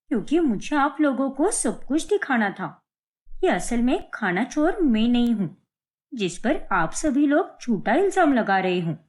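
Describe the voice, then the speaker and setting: A woman voicing a stubborn, loud young woman from a poor family in an animated cartoon, with a shrill, insistent delivery.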